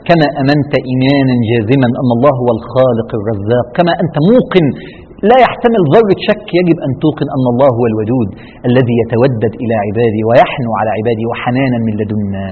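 A man's voice: mid-range voice, long reverb tail, phone-quality sound, slight background noise. A man with an Egyptian accent preaching on a television program, impassioned, acting out heartfelt prayers as he speaks. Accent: Egyptian Arabic. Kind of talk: television sermon.

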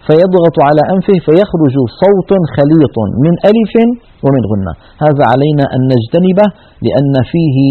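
A man's voice: a little high, husky. A man teaching Quran recitation in an earnest tajweed lesson, demonstrating each sound. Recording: tinny narrow-band radio sound.

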